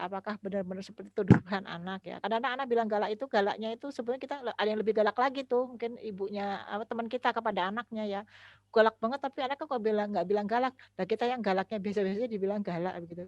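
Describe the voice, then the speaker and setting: A woman, an Islamic speaker giving a relaxed, chatty talk on raising children, laughing often. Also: medium pitch, rapid-fire, no echo, lo-fi sound.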